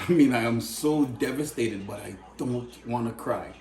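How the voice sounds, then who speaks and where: A man's voice: medium pitch, a little slow. A man from Canada telling an emotional personal story in casual conversation, acting out the voices of people in it. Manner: emotional, animated, acts out quoted voices. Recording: echoey room.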